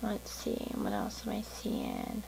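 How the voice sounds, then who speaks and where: A woman's voice: rumbling low, huge pitch swings, slow pace, gravelly, noisy background. A woman giving a casual pick-a-card tarot reading to viewers, musing and thinking aloud in a meandering way.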